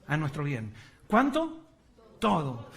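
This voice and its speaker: Male pastor, high voice, animated sermon storytelling, rhetorical questions. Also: slow pace, creaky.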